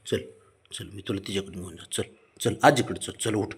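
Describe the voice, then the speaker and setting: A man's voice: sits low, normal speed, slightly rough. An older man, the grandfather, coaxing and babying the family cat in a casual home video.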